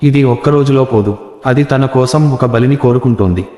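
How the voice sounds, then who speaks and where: A man voicing a grim old village man who speaks slowly and gravely. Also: mid-range voice, mellow, lightly acted. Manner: slow, grave warnings. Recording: roomy echo with long reverb.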